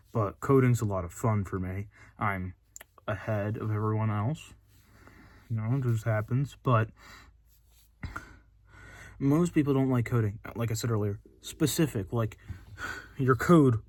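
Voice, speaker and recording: A man's voice: fairly low pitch, darkish tone. A man talking casually into a phone while recorded inside a small closet. He rambles, fills gaps with ums and likes, and loses his train of thought. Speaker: vlogger.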